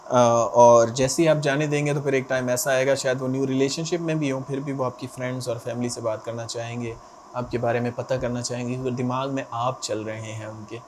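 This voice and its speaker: A man's voice: mid-range voice, fairly even intonation, fairly quick, a little mellow, slight background noise. A man giving relationship advice straight to his viewers, emphatic and often checking in with short asides. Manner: emphatic, repeats "theek hai" as a check-in. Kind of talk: direct-to-camera advice talk.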